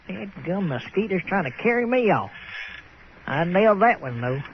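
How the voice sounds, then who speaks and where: Here a male actor with a slightly high voice plays a grumbling Southern manure hauler, folksy and excitable, who stammers and drawls through a vintage radio comedy bit. The sound is muffled like old radio, with a faint layer of noise.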